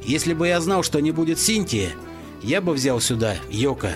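A boisterous, half-drunk young rocker, as a male narrator plays him, loud and cocky with a lively, swinging lilt. The voice sits a little high, and music plays behind the audiobook reading. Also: moderate pace. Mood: defiant. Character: tipsy brash young male rock musician.

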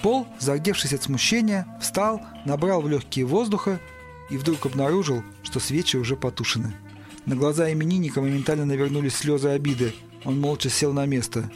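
Man reading a story aloud, kinda high voice, soft music under it. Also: a little fast. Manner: expressive storytelling. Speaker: audiobook narrator. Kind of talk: scripted narration.

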